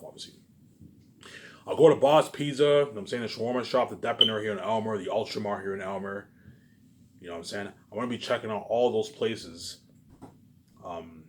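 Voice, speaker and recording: A Canadian male vlogger with a lowish, slightly mellow voice gives his viewers a rambling, informal monologue. He repeats himself and speaks haltingly with habitual trailing tags, breaking into emphatic, profane bursts that fall away into muttered asides. A little hiss or hum is audible.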